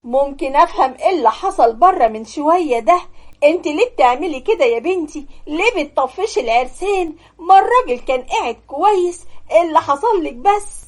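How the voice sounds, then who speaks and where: Scheming Egyptian mom, sugary and sharp, high voice, read by a woman storyteller. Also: animated, brisk. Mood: accusing. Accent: Egyptian Arabic. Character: scheming middle-aged mother, sugary to guests, harsh to kin.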